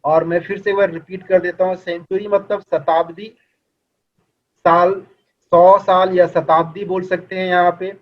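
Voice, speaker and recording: A man teaching an English lesson online, explaining in Hindi and reading English lines slowly while asking his students questions. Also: sits high, level tone, slight background noise. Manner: asks students questions as if in class. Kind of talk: online class lecture. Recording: dull lo-fi recording.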